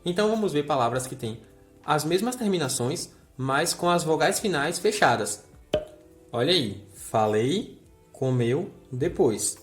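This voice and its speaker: A man's voice: a little high, animated, normal speed, a bit bright, soft background music. A man teaching a recorded grammar lesson. He explains step by step in a friendly way and checks in with the viewer often.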